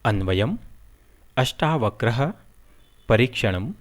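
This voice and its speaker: A man teaching a lesson, spelling out letters one by one in a measured way. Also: mid-range voice, animated. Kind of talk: slow explanatory lesson.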